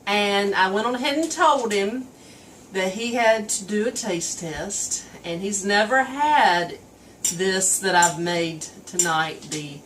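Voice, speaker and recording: A woman's voice: mid-range voice, fairly bright tone, recorded from a distance, a little hiss or hum. A woman, chatting casually to viewers as host of a home cooking video. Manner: chatty, folksy, addresses viewers directly.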